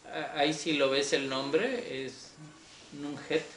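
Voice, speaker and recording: Slow, patient male Hebrew teacher. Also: a little high, fairly even intonation, a bit bright. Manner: slow, patient, checks in with students often. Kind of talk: explaining a Torah class. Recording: echoey room with faint noise.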